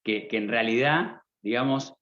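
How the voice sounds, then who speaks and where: A man from Argentina, speaking with an Argentine Spanish accent, gives a motivational business talk on a conference stage, addressing the audience directly and frequently asking rhetorical questions. His mid-range voice is fairly bright and a little slow, recorded with slightly dull lo-fi sound.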